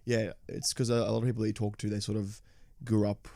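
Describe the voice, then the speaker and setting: A man's voice: lowish voice, level tone, fast, vocal fry, dark tone, dry recording, studio quality. A man hosting a casual podcast interview, talking with many hesitant "sort of" fillers. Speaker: podcast host.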